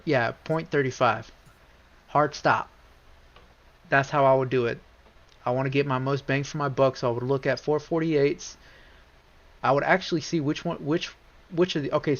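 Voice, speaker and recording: Male streamer, mid-pitched, casual and rambling, restarts a lot, slightly muffled lo-fi mic. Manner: rambling, restarts often, gets excited and repeats himself. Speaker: livestream trading host. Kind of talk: casual live chart walkthrough. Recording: slightly dull lo-fi stream audio.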